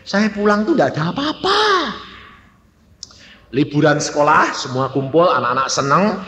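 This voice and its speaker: Lively, bright-voiced preacher in an echoing hall. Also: male voice, on the high side, moderate pace. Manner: dramatic storytelling, acting out family members and shouting their lines. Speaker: pastor. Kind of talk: sermon with personal testimony.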